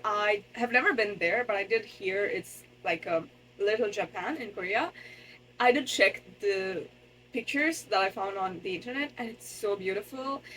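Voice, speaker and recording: Young woman, student vlogger, higher voice, chatty and self-conscious, bursts of excitement. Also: slight background noise, low-quality recording. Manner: chatty, excitable, gushing over cute things; self-conscious, sometimes quiet and mumbled. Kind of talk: casual vlog chat to camera.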